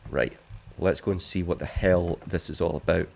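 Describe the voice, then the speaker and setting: A man's voice: low-pitched, steady tone, moderate pace, vocal fry, darkish tone, a little hiss or hum. A man giving chatty, joking commentary to viewers while playing a sailing game. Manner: chatty, jokey, talks straight to viewers. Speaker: game streamer. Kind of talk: casual let's-play commentary.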